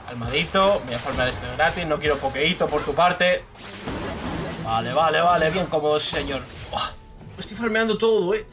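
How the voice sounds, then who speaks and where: Excitable Spanish gamer man, high voice. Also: moderate pace. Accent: Spain Spanish. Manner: excitable, swears freely, bursts into shouts at big plays. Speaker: streamer. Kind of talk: live gameplay commentary. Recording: game music clearly behind the voice.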